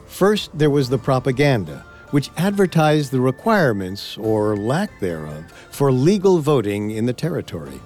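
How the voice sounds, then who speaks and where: A man's voice: mid-range voice, sing-song, moderate pace, few pauses, a little mellow. A man co-hosting a history podcast, reading a script and voicing quotes with drama. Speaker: podcast co-host. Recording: faint music bed.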